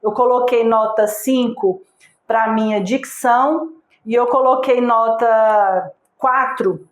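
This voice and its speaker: A woman's voice: fairly high pitch, steady tone, slow. Female instructor for a recorded video lesson, questioning the viewer, echoey room. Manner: asks the viewer direct questions; patient, explanatory, checks in with "tá?". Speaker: online course instructor.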